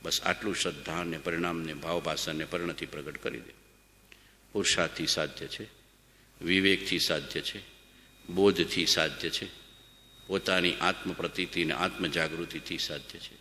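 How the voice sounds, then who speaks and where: A man giving a devotional sermon, repeating phrases in a chanting rhythm and swinging between emphatic high lines and soft low ones. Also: fairly even intonation, moderate pace, slight background noise. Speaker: spiritual discourse speaker. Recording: long hall reverb.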